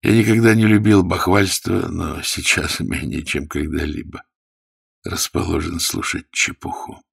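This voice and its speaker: A man's voice: deep voice, steady tone, unhurried, full character voice. A man doing a weak, defiant dying captain. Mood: calm. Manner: quiet, breathy, dismissive. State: weak and fading. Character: dying wounded male captain, defiant and scornful.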